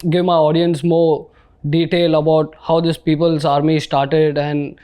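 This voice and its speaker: A man's voice: fairly high pitch, level tone, unhurried, dark tone, clean tone. A man hosting a casual podcast interview in an informal, slangy way. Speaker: podcast host.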